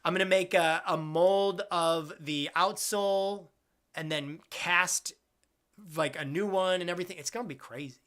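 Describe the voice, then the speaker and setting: A man's voice: sits high, moderate pace, sharp tone. A man in his twenties chatting casually on a live stream, reading out viewer questions and rambling with jokes at his own expense. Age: 20s. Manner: rambling, self-deprecating, jokey.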